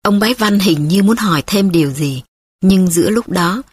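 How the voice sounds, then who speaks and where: A woman's voice: medium pitch, moderate pace, slightly rough, dry recording. A woman narrating a novel in a dramatic, emotive storytelling manner. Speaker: audiobook narrator.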